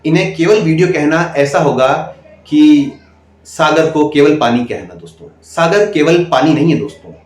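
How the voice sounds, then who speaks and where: A man's voice: on the high side, expressive, moderate pace, darkish tone. A man coaching interview candidates in speech, emphatic and repetitive, often asking "okay?". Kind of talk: direct-to-camera coaching talk. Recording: echoey room.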